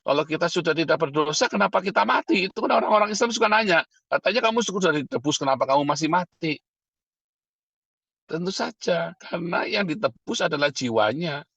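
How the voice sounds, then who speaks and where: A man's voice: fairly high pitch, fairly bright tone, dry recording, highs cut off. A middle-aged man, a pastor, preaching a sermon and calling to his listeners as brothers and sisters.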